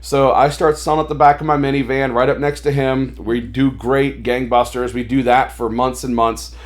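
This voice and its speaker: Male podcast guest, mid-pitched, loose chatty storyteller, fillers, acts out quoted lines. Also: moderate pace. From Maryland, USA. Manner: rambling, animated retelling with filler words. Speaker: podcast guest, toy store owner. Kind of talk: casual storytelling interview.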